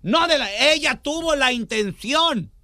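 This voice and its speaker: A man's voice: very high voice, lively intonation, unhurried, pushed and bright, dry recording, studio quality, full character voice. A man playing a bossy older advice-giver, scolding listeners. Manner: scolding, mocking, mimics others in quotes. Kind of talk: comic scolding monologue.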